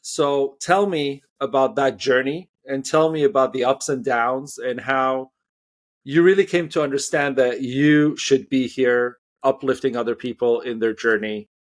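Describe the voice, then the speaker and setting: A man's voice: mid-range voice, measured pace. A man hosting a podcast on social issues, introducing his guest and responding in an affirming way with a few hesitant restarts. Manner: warm, affirming, with some ums and hesitant restarts. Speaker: podcast host.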